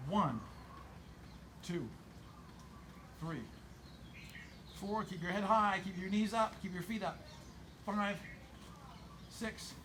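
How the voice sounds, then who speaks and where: A high-voiced man in his forties coaches exercise in a casual, encouraging way. He is recorded outside in a garden, with clear noise behind his voice. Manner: encouraging, counts and cues. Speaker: fitness trainer hosting a workout video. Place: outdoor garden.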